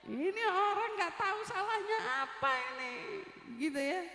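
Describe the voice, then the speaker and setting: A woman preacher giving a sermon to a women's study group, telling a story in a lively way and often asking her listeners questions. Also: very high voice, normal speed, some chatter behind. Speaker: Islamic preacher. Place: mosque study gathering hall. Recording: echoey, reverberant hall.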